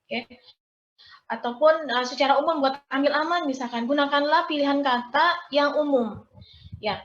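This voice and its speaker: A woman's voice: high voice, a bit bright. A woman, a nursing lecturer, teaching an online class, asking questions and recapping her students' answers. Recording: roomy, dull lo-fi sound.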